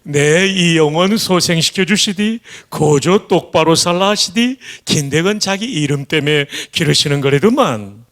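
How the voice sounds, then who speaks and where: A pastor putting on a lilting Pyongan dialect. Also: male voice, fairly high pitch, expressive, a little slow, few pauses, a bit bright. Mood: amused. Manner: chuckling, lilting folksy recitation. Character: man reciting a psalm in old Pyongan dialect.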